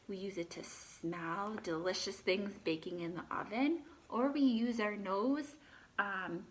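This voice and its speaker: A woman with a mid-range voice reads a picture book aloud to children, expressively, pausing to chat and ask them questions. The recording is low quality, with a little hiss or hum.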